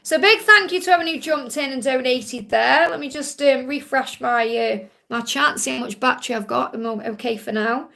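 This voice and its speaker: A woman's voice: high voice, moderate pace, vocal fry, hardly any pauses, bright, forceful tone. A woman from Stoke with a Stoke accent, giving live spiritual readings to viewers in a reassuring way and often checking in with a short tag question. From Stoke, England. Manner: reassuring, repeatedly checking with "okay?". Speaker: psychic card reader hosting a live Q&A.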